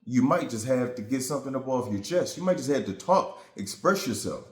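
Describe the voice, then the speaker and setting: A man's voice: medium pitch, animated, a little fast, reverberant. A man vlogging to his viewers, talking through a relationship hurt in a reflective, rambling, earnest way. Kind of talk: casual vent to camera.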